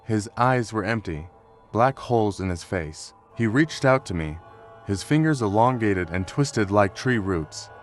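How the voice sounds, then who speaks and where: A man's voice: lowish voice, animated, unhurried, faint music behind. A man narrating a scripted first-person horror story in a tense, fearful telling.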